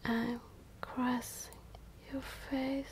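A woman whispering an ASMR pep talk of positive affirmations in short, repeated phrases with long pauses. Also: high voice, little pitch movement, a little hiss or hum. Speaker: ASMR host.

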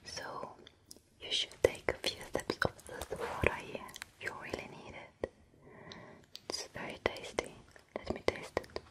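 Woman whispering softly, caregiver roleplay. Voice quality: breathy whisper. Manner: soft, gentle, slow whispering. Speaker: ASMR performer.

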